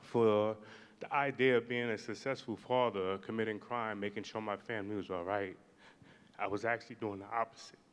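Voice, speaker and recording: Smooth, measured man in his forties. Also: fairly low pitch, steady tone. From New York. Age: 40s. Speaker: panel guest. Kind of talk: telling his life story on a panel.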